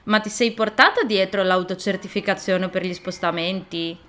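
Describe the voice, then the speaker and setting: A woman's voice: mid-range voice, steady tone, moderate pace, fairly bright tone, close to an everyday voice. A woman voicing a cunning male wolf in a storybook reading, asking sly questions and snapping when pushed. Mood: probing.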